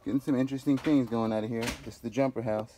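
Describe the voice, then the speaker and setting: A man's voice: mid-range voice, fairly even intonation, racing, background noise. A man giving upbeat running commentary while sorting and pricing items in a storage unit, filmed outdoors on a handheld phone. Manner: upbeat, appraising items aloud with prices. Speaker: storage auction vlogger.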